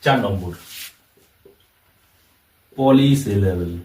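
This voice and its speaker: A man's voice: fairly low pitch, darkish tone. Man, teacher, patient step-by-step explanation, roomy echo, distant from the mic. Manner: slow, step-by-step, repeats terms and examples. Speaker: English teacher. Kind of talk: classroom-style lesson explanation.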